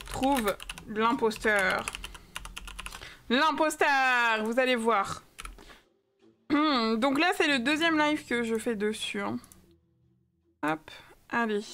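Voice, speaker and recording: A woman's voice: a little high, fairly bright tone, a little hiss or hum. A young woman from France streaming a game live, chatting casually and greeting viewers by name with lots of fillers.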